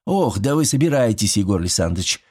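A man's voice: lowish voice, sing-song, fast talker, darkish tone, slightly rough. A man voicing a fussy, good-natured old village grandfather who talks in folksy rural speech, sighing and fretting. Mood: fretful. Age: older.

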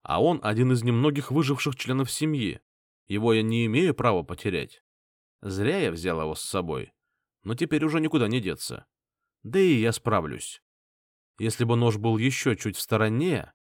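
A man narrating a first-person audiobook in a lively, expressive way. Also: medium pitch, normal speed, no echo, studio quality.

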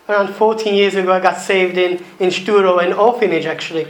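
A man's voice: high-pitched, fairly even intonation. A man gives his testimony in informal, English, in short phrases left open for an interpreter. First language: not English. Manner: informal, non-native phrasing in short bursts. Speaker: guest preacher. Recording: echoey room.

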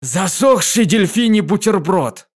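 Man playing a confused shouting pony mother. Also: high voice, expressive, unhurried, pitched above the performer's own voice. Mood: angry. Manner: loud, jumbled shouting. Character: confused pegasus mare mother, garbled words.

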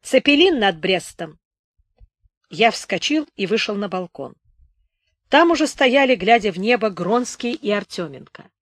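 A woman reading a literary memoir aloud as an audiobook narrator, in an even, measured way on a close mic. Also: mid-range voice, no room sound. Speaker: audiobook reader.

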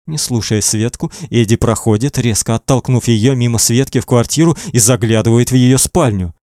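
A man's voice: medium pitch, moderate pace, warm tone, dry recording, studio quality. A man narrating an audiobook in a tense, dramatic reading.

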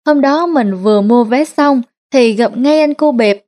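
A woman reads a storybook tale aloud in the first person. Her voice is slightly high, and she keeps a plain, steady reading tone at a measured pace.

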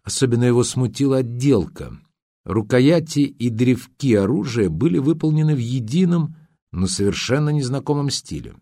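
A man's voice: medium pitch, expressive, normal speed, mellow, no echo, clean studio sound. A man narrating an audiobook in a dramatic reading style, acting out the dialogue. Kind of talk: scripted narration.

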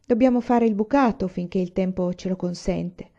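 A careful, practical pioneer mother from a storybook, gentle but firm, as a woman reads her. The tone is warm and mellow, and the sound is a little dull and lo-fi. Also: mid-range voice, moderate pace, close to an everyday voice. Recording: dull lo-fi recording.

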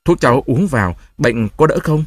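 A man voicing an old, wounded herbal healer who speaks calmly and restrained. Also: medium pitch, moderate pace, husky. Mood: grave. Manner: calm, restrained.

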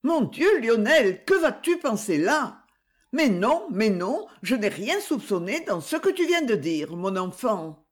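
A woman's voice: medium pitch, big pitch swings, measured pace. A reader voicing a pleading, insistent aristocratic mother in an audiobook. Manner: imploring, tenderly persuasive.

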